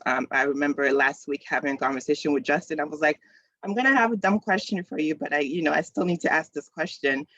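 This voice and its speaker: Hosting a community event over video call, this Congolese man in his thirties speaks casually, restarting often and saying "um" a lot. His voice is somewhat high, pushed and bright, with vocal fry. There's no echo, and the call audio sounds dry and slightly dull.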